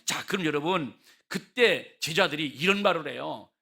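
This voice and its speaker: A man's voice: a little high, lively intonation, normal speed, creaky, sharp tone. A male pastor preaching a revival sermon in a church, emphatic and full of rhetorical questions to the congregation.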